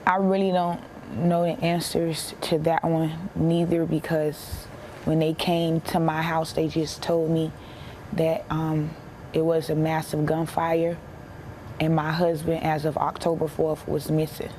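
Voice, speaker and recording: Low and darkish, with a flat, level delivery, a young bereaved military widow from America recounts her emotional story for a broadcast interview. She speaks plainly and haltingly, repeating things for emphasis, with some noise in the background.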